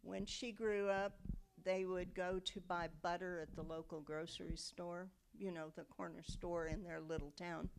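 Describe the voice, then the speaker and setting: A woman in her seventies speaks in a slightly low voice. She recalls her family's past in a reflective, unhurried way, often pausing on "um" and checking in with "okay?". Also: steady tone, creaky, background noise. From United States. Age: 70s. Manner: reflective storytelling with frequent um and okay. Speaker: interviewee. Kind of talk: oral history interview.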